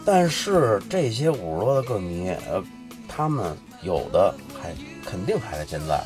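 A male music show host with a Beijing accent and a very lively, swinging delivery. He tells stories in joking street slang, often repeating himself as he goes. Music plays along with his voice. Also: fairly low pitch, moderate pace. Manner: slangy, joking storyteller with hesitant, repeated phrasing. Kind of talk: casual chat about rock records.

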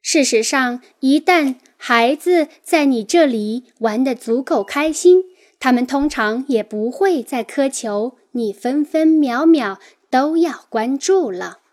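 A woman reads a nonfiction book aloud in the first person. Her voice sits high and light, and she takes an unhurried pace. The delivery stays calm and measured from line to line. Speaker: audiobook narrator. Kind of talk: scripted nonfiction reading.

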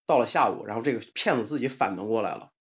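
A man's voice: lowish voice, expressive, fast, a bit bright, dull audio. A man in a casual panel chat, telling a personal story and acting out the dialogue, with plenty of fillers and restarts.

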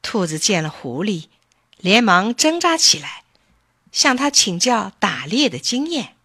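A woman tells a children's story in a slow, clear, expressive way. Her voice is bright and lively in pitch. The recording is dry and close. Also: no room sound. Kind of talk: storybook narration.

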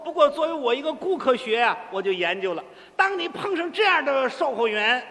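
A man's voice: very high-pitched, fairly quick, in a large hall. A man performing comic crosstalk, telling a story and acting out the other characters in it. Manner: animated, acts out other characters.

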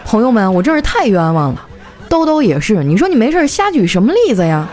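A woman's voice: on the high side, very animated, fast talker, a little mellow, slight background noise. A young woman hosting a comedy show, telling funny stories in a chatty way and laughing as she talks. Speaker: comedy podcast host. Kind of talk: comic storytelling monologue.

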